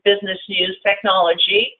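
A woman who works as a digital marketing consultant, giving a chatty, upbeat tutorial as she walks through software features on screen. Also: medium pitch, level tone, normal speed, a little hiss or hum. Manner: chatty and upbeat, often calling features cool. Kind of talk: screen-share tutorial walkthrough. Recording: narrow phone-like audio.

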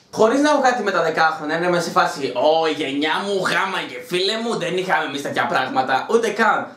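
Sarcastic man ranting with lively high voice. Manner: sarcastic, crude, mocking. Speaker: YouTuber. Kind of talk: casual vlog rant. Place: at home. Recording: roomy echo.

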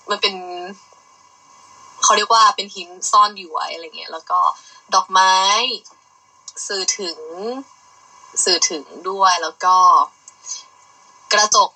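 A woman's voice: medium pitch, pushed and bright, rough recording. A young woman chatting casually on a livestream, rambling and giggly as she explains a music video. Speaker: idol livestreamer.

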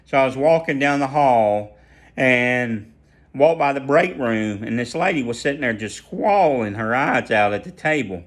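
A man's voice: mid-range voice, expressive, unhurried. Earnest man telling his faith story. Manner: repetitive, restarts phrases, earnest. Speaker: storyteller sharing a personal testimony. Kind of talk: personal testimony, casual storytelling.

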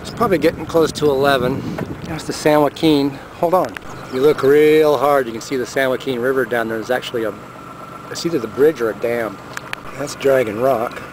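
His pitch is medium and his pace a little fast as he aims his handheld camera at the sky, talking into its mic in a chatty, amused way and calling out what he sees. He's outside next to the road and then inside a car. Traffic and outdoor noise fill the background of the noisy camera recording.

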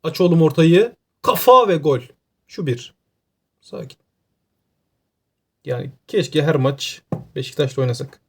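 A man with an Aegean Turkish accent giving casual, joking gameplay commentary, excitable and talking to himself. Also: a little high, a little slow, long pauses, breathy edge. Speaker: gaming YouTuber.

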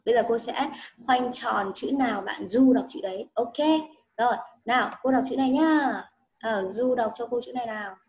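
A woman tutoring a child in English, speaking with a Vietnamese accent, coaxing patiently and repeating words slowly. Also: fairly high pitch, darkish tone, rough recording. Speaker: English teacher. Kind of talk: one-on-one reading lesson.

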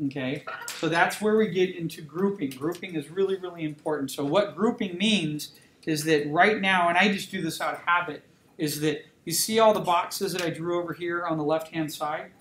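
At a moderate pace, a man with a fairly bright, high-leaning voice lectures a drawing class as he sketches. His manner is chatty, punctuated by repeated "okay?" checks, and the recording carries the echo and faint noise of a classroom.

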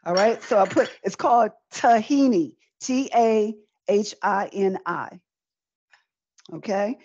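Slow and mid-range, with a darkish tone and a breathy edge, a middle-aged woman talks through a live online cooking lesson, chatty and repeating phrases for emphasis. She works at a demo table in an indoor room with a folding screen. The recording is dry, with dull, lo-fi video-call audio.

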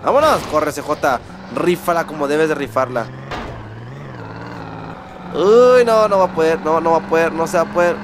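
A man with a Mexican accent doing excited, swearing gameplay commentary as a gaming host. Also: a little high, moderate pace, long pauses, background noise. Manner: excitable, swearing, mock-shouting at the game.

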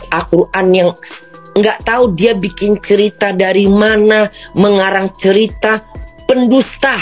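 Rambling woman on a livestream, lots of restarts, soft music behind. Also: sits low. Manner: loud, indignant, rambling with many restarts. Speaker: livestream host. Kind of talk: livestream rant.

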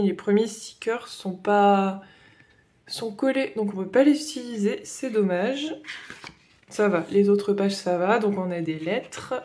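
A woman's voice: mid-range voice, a little mellow. A young adult woman with a Northern French Ch'ti accent chatting casually through a haul, hesitant and full of fillers and "voilà". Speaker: coloring vlogger.

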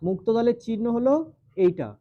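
Speaking with a West Bengal Bengali accent, a man teaches grammar in class, firing questions at students, drilling them, and stretching syllables. His pitch is extremely high and his pace brisk, heard through a muffled recording.

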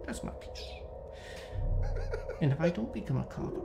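A man playing a shifty, self-excusing criminal in a deadpan, halting, insistent monologue to camera. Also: on the high side, background noise. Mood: insistent, self-justifying. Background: clear music.

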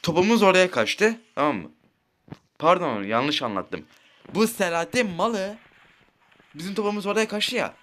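A man's voice: high voice, expressive, moderate pace, long pauses, a bit bright, a little hiss or hum. A teenage boy casually telling rambling, crude school stories while playing a mobile game, swearing often and checking in with his listeners. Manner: rambling, crude, swears a lot, keeps asking "right?". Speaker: gaming streamer. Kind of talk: casual storytelling over gameplay.

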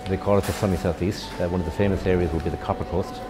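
A man's voice: sits low, fairly even intonation, very fast. A man in his sixties with an Irish accent, explaining things in an interview. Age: 60s. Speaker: crystal craftsman turned salesman. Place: indoors in a showroom. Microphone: lapel mic. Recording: music behind the voice.

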